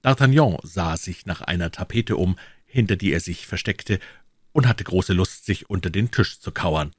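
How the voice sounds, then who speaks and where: A man narrating an audiobook in a measured, even reading. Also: low-pitched, no room sound, clean studio sound. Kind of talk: scripted narration.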